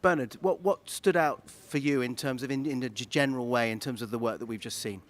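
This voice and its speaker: A man's voice: mid-range voice, a little fast. A man hosting a panel interview at a media festival, talking casually with frequent "uh" and "um" fillers and restarts. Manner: hesitant, many fillers and restarts. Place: festival venue.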